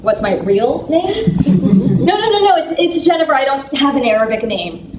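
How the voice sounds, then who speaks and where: Woman from San Francisco, actress in a solo stage show, sassy, effusive, high voice, echoey theater, distant, noisy. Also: very animated, normal speed. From San Francisco, United States. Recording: echoey room from far off, noisy.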